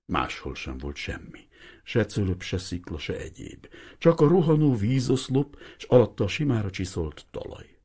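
A man reading a novel aloud as narrator, slow and measured. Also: fairly low pitch, big pitch swings, a little mellow, breathy edge.

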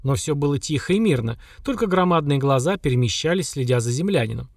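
A man reading a science-fiction audiobook in an even, measured storytelling voice. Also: on the high side, no room sound, clean studio sound. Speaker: audiobook narrator. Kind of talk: scripted narration.

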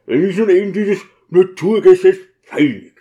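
A man's voice: high voice, normal speed, dark tone, highs cut off, voice pushed up, lightly acted. A man voicing a grieving, stubborn deacon who grumbles in a sulky, weary way. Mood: brooding.

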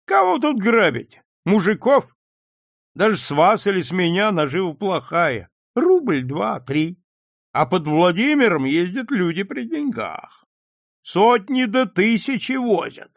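Dry, mocking young son, pitched higher than the narration, voiced by a male reader. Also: big pitch swings, measured pace, gravelly, dry recording, exaggerated voice. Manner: dry, mocking, serious-faced. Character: sardonic young nobleman son, grim and sharp-tongued.

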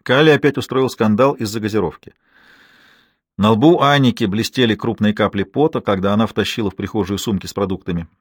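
A man's voice: lowish voice, a little fast, slightly rough, no echo. Male audiobook narrator, dry close sound. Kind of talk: scripted narration.

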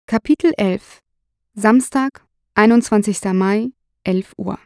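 A woman narrating a crime audiobook in a measured, even reading. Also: medium pitch, no echo, clean studio sound. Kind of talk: scripted narration.

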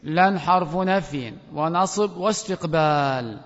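A man with a high voice teaches a grammar class and keeps calling on students by name to answer. The recording is dull and lo-fi, with a long echo from a hall. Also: measured pace. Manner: questions and calls on students by name.

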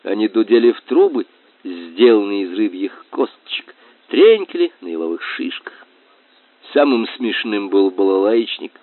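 A man narrating a children's story in an expressive, lively reading voice. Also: on the low side, moderate pace, dry recording. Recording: tinny dry phone-like sound.

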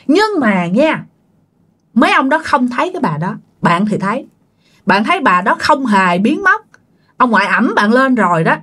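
Animated woman storyteller. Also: fairly high pitch, breathy edge. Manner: chatty, addresses listeners directly. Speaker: storytelling channel host. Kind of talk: casual ghost-story narration.

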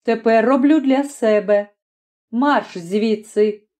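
Woman voicing rough young village man, curt, mocking, threatening, mellow tone, slow, audiobook. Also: a little high. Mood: taunting. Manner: curt, taunting. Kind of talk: audiobook character voice.

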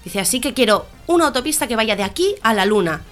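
A female co-host on a radio comedy show tells jokes in a casual, animated way, quickly and in a fairly high voice, performing the lines of each character herself. Faint music plays behind her.

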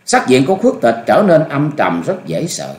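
A male storyteller reading a martial arts novel aloud. His delivery is dramatic and lively, rising and falling at a middle pitch. The recording is echoey and roomy. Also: moderate pace. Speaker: audiobook narrator. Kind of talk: storytelling narration. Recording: echoey room.

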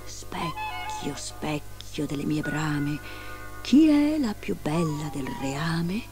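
A wicked, vain queen from a storybook, speaking low and hushed in a cold, scheming whisper, as a woman narrator puts her on. Her voice drops beneath the telling, soft but menacing. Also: sing-song, drawn-out words, over music, exaggerated voice. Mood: sinister.

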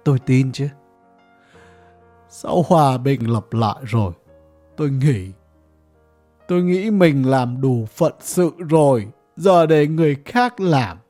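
A reader voicing a bitter old village man, a former official who rants and curses through his grief in a slow, lively audiobook character voice. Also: mid-range voice, faint music behind, pitched below the performer's own voice. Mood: weary. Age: older. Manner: ranting, grieving, coarse cursing.

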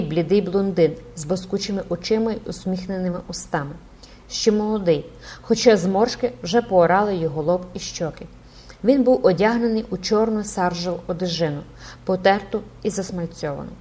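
A woman's voice: mid-range voice, dark tone. Woman narrating a classic novel. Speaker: audiobook narrator.

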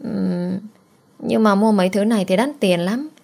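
A woman's voice: medium pitch, steady tone, moderate pace, vocal fry, a little mellow, natural voice. A woman voicing a sad young girl who pleads tearfully with her mother. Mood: pleading.

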